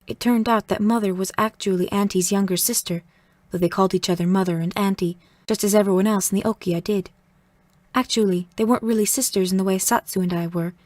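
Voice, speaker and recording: A woman's voice: mid-range voice, darkish tone, no echo. Woman narrating a novel, dry sound. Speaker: audiobook narrator. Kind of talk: scripted first-person narration.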